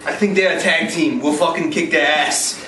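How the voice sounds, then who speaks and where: A man's voice: fairly high pitch, normal speed, bright, forceful tone. A man playing a brash, crude, boastful pro wrestler in a comedic wrestling promo, mock-pompous, theatrical and foul-mouthed. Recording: echoey, distant mic with hiss.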